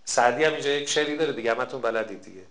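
A man giving a sermon on a prayer text, reciting its lines slowly and swinging between soft passages and loud, emphatic pleas. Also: medium pitch. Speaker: preacher. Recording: roomy echo.

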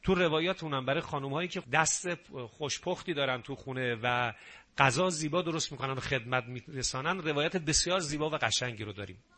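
A middle-aged man preaching a sermon on family life, animated, acting out quarrels between spouses. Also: a little high. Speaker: preacher giving a nightly family talk.

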